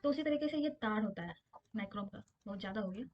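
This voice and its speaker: A woman's voice: mid-range voice, expressive, fast, lo-fi sound, a little hiss or hum. A woman physics teacher giving a casual exam-prep lesson, explaining with everyday examples and often checking that her students understand.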